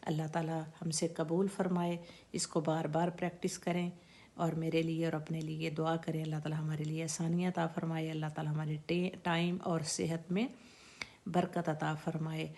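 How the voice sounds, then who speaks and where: A woman teaching Quran recitation rules, patiently repeating words and sounds slowly for her students to practise. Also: sits low, level tone, dark tone. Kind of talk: slow instructional lesson with recited examples.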